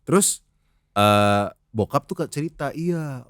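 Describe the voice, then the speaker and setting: A young man, chatting as a podcast guest, an animated storyteller who laughs often and mixes in English phrases. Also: fairly high pitch, normal speed, dry recording, studio quality. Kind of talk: casual chat.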